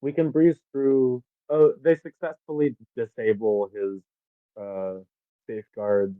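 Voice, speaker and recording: Taking his time in a flat, mid-range voice, a man co-hosting a podcast recaps a film's storyline in casual chat, swearing occasionally. A faulty mic makes the dry recording sound tinny, like a phone.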